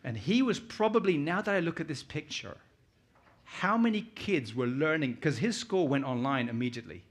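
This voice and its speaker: His voice sits on the high side and is expressive, moving at a moderate pace. He's a middle-aged man with a British accent, born in Uganda and from the United Kingdom, presenting conversationally as a conference guest with personal stories and questions for his audience.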